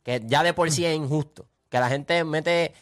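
Earnest man, somewhat high. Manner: earnest, insistent, halting. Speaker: sports talk panelist. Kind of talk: casual sports debate.

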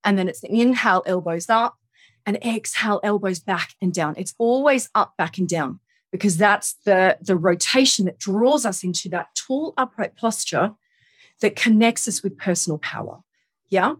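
A woman speaks like a yoga teacher, gently coaxing the listener through relaxation exercises. Her pitch sits in the middle for a woman, and the recording is dry and close. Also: moderate pace, husky, no echo. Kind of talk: guided relaxation instruction.

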